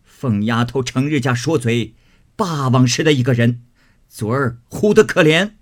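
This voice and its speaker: A man voicing a stern, scornful old matriarch who scolds and commands her grandson, in a husky voice. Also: mid-range voice, unhurried, pitched above the performer's own voice, lightly acted. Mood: scolding.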